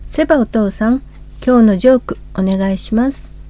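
Mellow Kansai-accented female co-host. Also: fairly high pitch, normal speed. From Hyogo, Japan. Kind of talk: religious radio talk.

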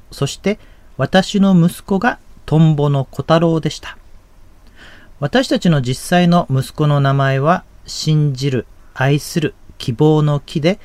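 抑揚豊かに語る男性ホスト. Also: male voice, fairly high pitch, a little mellow, no room sound. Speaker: radio program host, pastor.

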